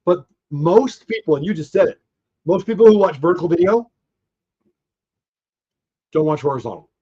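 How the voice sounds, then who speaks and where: A man hosting a live baseball watch party, excitedly calling plays and chatting with viewers, a bit hoarse as he is losing his voice. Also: a little high, normal speed, highs cut off. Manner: excited, reacts to plays, talks to chat. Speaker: livestream watch party host.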